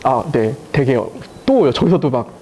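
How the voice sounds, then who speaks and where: A man who works as a teacher, telling lively stories to an audience with lots of fillers and laughter. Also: medium pitch, brisk. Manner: animated storytelling with frequent fillers and laughs. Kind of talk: casual talk to a live audience.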